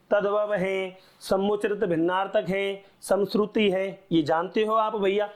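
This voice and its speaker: A man with a high, light voice teaches a class at an unhurried, deliberate pace. He keeps quizzing his students with quick questions and then answers them himself, repeating each key point. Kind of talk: classroom lecture.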